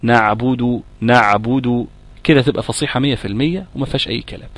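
A man's voice: mid-range voice, animated, very fast, creaky, slightly rough, no echo. Egyptian man teaching Quran recitation. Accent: Egyptian Arabic. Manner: explains patiently, asks students if they follow, demonstrates sounds. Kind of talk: tajweed lesson.

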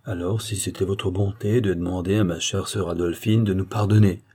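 A man's voice: low-pitched, steady tone, moderate pace, warm tone, husky. A man voicing a shrewd older peasant mother who talks in a homely, folksy way. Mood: scheming.

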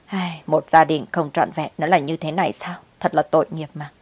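A woman voicing a kindly older neighbor woman who calls out loudly and fusses with worry. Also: low voice, fairly even intonation, normal speed, slightly rough, no echo. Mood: pitying. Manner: loud, worried calling.

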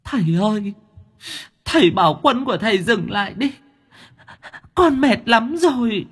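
A man's voice: sits high, sing-song, unhurried, bright, forceful tone, slightly rough, pitched above the performer's own voice, full character voice. A man voicing an irritable female wandering ghost who shrieks and whines in a storybook tale. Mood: whimpering. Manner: shrieking, then wailing and pleading.

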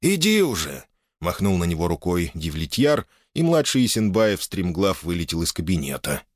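A man reading a novel aloud as narrator, in a wry, lively manner. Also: low-pitched, normal speed, no room sound, clean studio sound. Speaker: audiobook narrator. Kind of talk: scripted narration.

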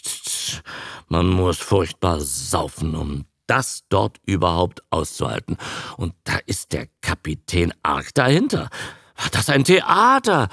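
A man's voice: lowish voice, creaky, fairly bright tone, dry recording, clean studio sound, full character voice. A man reading a radio story, voicing a boastful, blustering Irish sailor telling a yarn.

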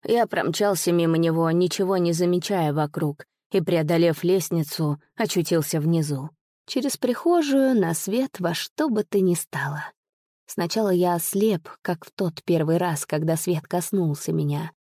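A woman narrating an audiobook in an expressive, measured storytelling manner. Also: fairly low pitch, dry recording, clean studio sound. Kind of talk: audiobook reading.

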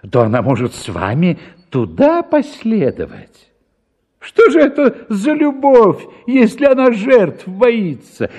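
A heavily acted, high-pitched voice swoops wildly as a pushy, wheedling father bent on marrying off his daughter, persuasive, expansive and cajoling, exclaiming and repeating words. The tone is a little mellow and slightly rough, in a theatrical radio performance of a classic Russian story.

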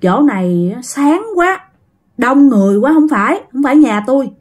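A woman voicing a weak, tired old male ghost, speaking in a slow, feeble way. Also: high-pitched, lively intonation, darkish tone. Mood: weary.

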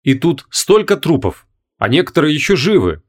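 A man's voice: a little high, sing-song, normal speed. A man narrating an action fantasy audiobook with dramatic, varied intonation.

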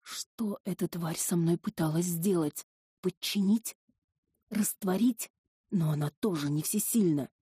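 A woman reads a first-person dark fantasy audiobook, her voice very husky and breathy, with a mellow, dark tone. The recording is dry and close, and she voices the tense moments dramatically. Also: fairly low pitch, measured pace, dry recording. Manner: tense, dramatic reading with defiant dialogue. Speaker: audiobook narrator.

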